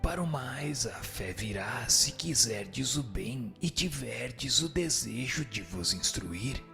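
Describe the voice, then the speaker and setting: With music running under the scene, a man with a Brazilian accent voices a solemn, instructive spirit in a radio drama, speaking formally. His pitch is medium, his delivery animated but slow, and his tone gravelly.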